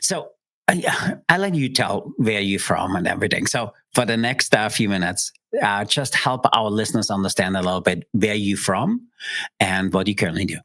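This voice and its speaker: A man's voice: on the low side, normal speed, bright, forceful tone, no echo. A man hosting a podcast, chatting casually and enthusiastically with his guest. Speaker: host. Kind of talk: podcast interview.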